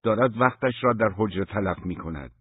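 Man playing a touchy resentful brother, indignant, low husky voice, dry. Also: no room sound. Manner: indignant, defensive. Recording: thin phone-like dry recording.

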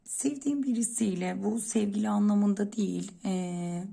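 A woman's voice: mid-range voice, normal speed, gravelly, warm tone. A woman speaking as a coffee-cup fortune teller, giving unscripted predictions and advice directly to one listener in a searching way.

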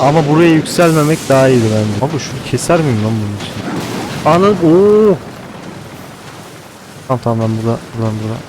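Excitable man narrating his gameplay. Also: mid-range voice, background noise. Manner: excitable, swears casually, thinks aloud. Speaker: gaming host. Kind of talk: casual gameplay commentary.

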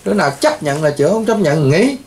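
A male priest with a high-pitched voice. He rambles, scolds and lectures his listeners, often breaking into exclamations. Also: sing-song, fast, darkish tone. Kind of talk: scolding talk to patients.

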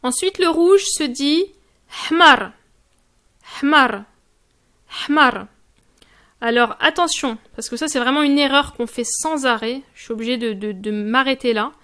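A woman teaching Moroccan Arabic pronunciation, saying each word slowly and repeating it, and speaking to the viewer in a friendly, informal way. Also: high-pitched, fairly bright tone. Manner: slow, careful drilling of words with repeated examples. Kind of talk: pronunciation lesson addressed to the viewer.

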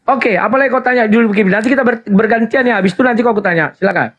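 A man's voice: high voice, rapid-fire, fairly bright tone. A man in a heated religious debate over an online call, insisting on taking turns and explaining his position. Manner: insistent, keeps demanding turns to speak. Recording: slightly muffled call audio.

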